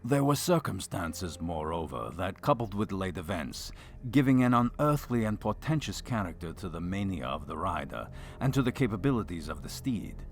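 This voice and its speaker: Low-voiced, hammy theatrical male narrator. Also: sing-song, moderate pace. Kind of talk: dramatic scripted narration.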